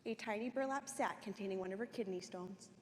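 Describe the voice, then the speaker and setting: A young woman performs a dramatic monologue as a cheerful, prim middle-aged crafter, sounding chirpy, bright and folksy. Her natural, mid-range voice moves fairly quickly, recorded in an echoey hall with faint noise.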